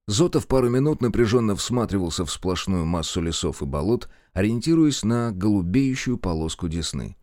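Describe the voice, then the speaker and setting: A man narrating a war story in an expressive, measured reading. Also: lowish voice, dry recording, studio quality. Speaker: audiobook narrator. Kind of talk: scripted narration.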